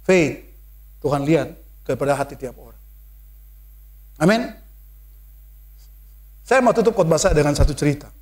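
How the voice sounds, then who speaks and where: A man with an Indonesian accent preaching a sermon in church, mixing English phrases into his talk and building to loud, emphatic calls. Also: fairly high pitch, expressive, moderate pace, pauses often.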